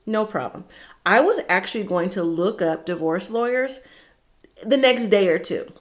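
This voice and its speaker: An expressive middle-aged woman with a mid-range voice relates a personal story. Her telling is informal, candid and conversational, with dramatic pauses.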